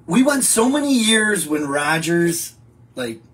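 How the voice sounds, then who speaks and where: In his home studio, wallpaper behind him, a middle-aged host reads out viewer comments on a laid-back live stream, talking in a rambling way with frequent restarts. His slightly high, slightly bright voice is very animated though the pace stays slow.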